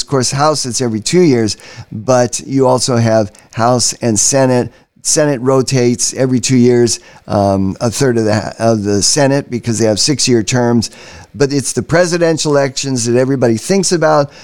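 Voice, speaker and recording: Emphatic American talk-radio host. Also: male voice, mid-range voice, darkish tone. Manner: emphatic, repeats key phrases, acts out quotes. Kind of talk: political commentary monologue.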